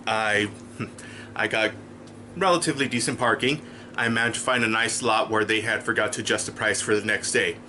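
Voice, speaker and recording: Bright-voiced man chatting about a convention. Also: on the low side, moderate pace, a little hiss or hum. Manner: chatty, rambling, shows items to camera. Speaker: vlogger. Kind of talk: casual storytelling vlog.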